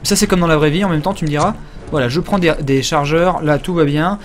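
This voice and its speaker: A man's voice: fairly high pitch, fast. A man giving casual live commentary while playing a video game, rambling and crude, joking with many fillers. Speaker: game streamer.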